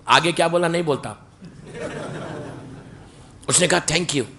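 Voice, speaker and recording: A male preacher with a Mumbai Urdu accent, delivering a sermon and mixing in English, at times rising to loud, emphatic outbursts. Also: a little high, a little hiss or hum.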